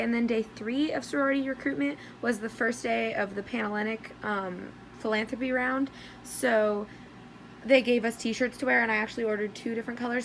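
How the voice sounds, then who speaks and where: A young American woman chatting casually in a vlog with bubbly sorority-girl energy, her voice hoarse as if she is losing it. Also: fairly high pitch, a little hiss or hum, low-quality recording. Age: young adult. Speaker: vlogger.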